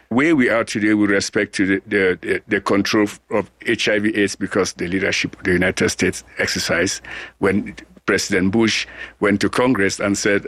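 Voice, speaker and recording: A middle-aged man from Cameroon speaks in a fairly low voice, earnest and deliberate, often restarting his sentences as he answers interview questions. The sound is close and dry, with no room around it. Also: a bit bright, no room sound. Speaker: guest, global health scientist.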